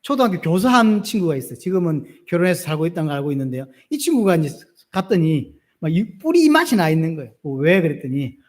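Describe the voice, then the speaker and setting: A middle-aged male pastor with a Gyeongsang Korean accent preaches a sermon in a high, strongly swinging voice. He throws questions out to the congregation and answers them himself with animated emphasis. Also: fast, few pauses.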